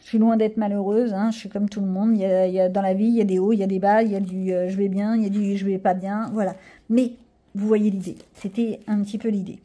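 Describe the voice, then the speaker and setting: A fast-talking middle-aged woman with a dark, medium-pitched voice and little pitch movement presents a coloring-book haul on camera. She chats casually with her viewers, rambling and making fun of herself along the way.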